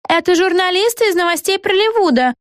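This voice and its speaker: A woman's voice: very high voice, animated, a little fast, no echo, studio quality, pitched above the performer's own voice. A woman voicing a spoiled bratty witch girl who squeals shrilly. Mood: shrill.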